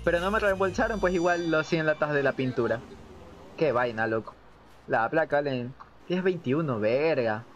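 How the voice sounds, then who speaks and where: With a voice on the high side, lively intonation and normal speed, a game streamer in his early twenties speaks with a Latin American accent, joking in slang as he plays at home and reads the subtitles out. Faint music and video game sound sit behind the dull, lo-fi stream audio.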